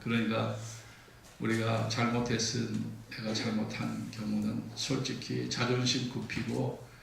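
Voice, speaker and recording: A man's voice: on the low side, monotone, a little slow, gravelly, slight background noise. A man preaching a sermon as pastor, telling stories and acting out the lines of the people in them. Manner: storytelling, acts out quoted dialogue. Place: church sanctuary. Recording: echoey church hall, mic from a distance.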